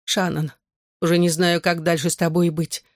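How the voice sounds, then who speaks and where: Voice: little pitch movement, moderate pace, dry recording, clean studio sound, close to an everyday voice. A reader voicing a frantic, overprotective mother who accuses a boy. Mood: tearful. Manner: shrill and accusing. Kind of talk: audiobook dialogue.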